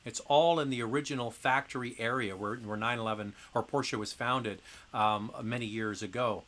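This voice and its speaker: A middle-aged man talks casually on a live car Q&A stream. His voice is bright and forceful. He rambles with plenty of fillers and restarts. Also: mid-range voice, steady tone, moderate pace. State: occasional coughing from acid reflux.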